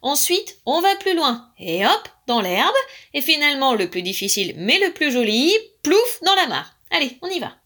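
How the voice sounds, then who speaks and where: A demanding frog teacher from a storybook, played by a woman. She barks out orders in a high, forceful, lively voice, brisk and impatient. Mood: bossy.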